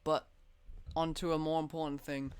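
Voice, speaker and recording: A teenage boy hosting a casual podcast chat, excitable and swearing casually. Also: a little high, moderate pace, smooth. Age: teens. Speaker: podcast host.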